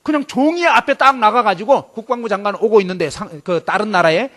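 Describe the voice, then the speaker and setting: A man's voice: sits high, brisk, fairly bright tone. A man preaching a sermon at a student camp. He fires rhetorical questions at his listeners and acts out scenes vividly.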